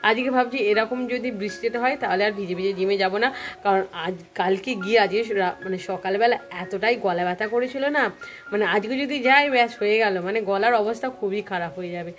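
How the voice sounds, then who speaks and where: A woman's voice: medium pitch, quick pace, soft background music. A woman with a Bengali accent chatting casually to viewers in a daily vlog, recorded outdoors on a phone. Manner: chatty, talks to viewers and coaxes her child. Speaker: vlogger. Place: outdoors by fields, then at home.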